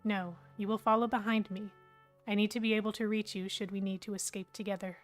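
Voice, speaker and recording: A woman voicing a protective female serpent spirit in an audio role-play, speaking in a formal, measured way. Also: medium pitch, flat delivery, faint music behind, natural voice.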